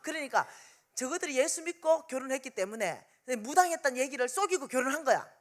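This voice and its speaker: This revival speaker, a woman from the Gyeongsang region judging by her Korean accent, speaks quickly in a high voice. She narrates a story within her sermon and lively voices the dialogue herself.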